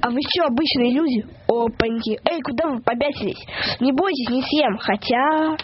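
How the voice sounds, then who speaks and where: A woman's voice: sits high, normal speed, lo-fi sound, a little hiss or hum, close to an everyday voice. A woman voicing a brash, cheeky witch in a story read on the radio, colloquial and bold. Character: cheeky greedy female witch on a broom.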